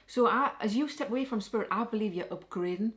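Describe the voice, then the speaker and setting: A woman's voice: mid-range voice, fast talker. A woman, a guest medium, speaking earnestly and emphatically in casual conversation, repeating her key words.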